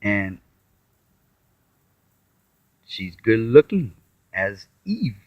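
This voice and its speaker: A weary man talks slowly through his thoughts on scripture, drifting and circling back with sighs and restarts. His voice sits in a middling register and comes across dull and muffled, dry with no room sound. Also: fairly low pitch, big pitch swings, no echo. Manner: meandering, with sighs, restarts and acted-out quotes. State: tired. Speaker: self-taught Bible commentator. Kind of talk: casual rambling Bible talk to camera.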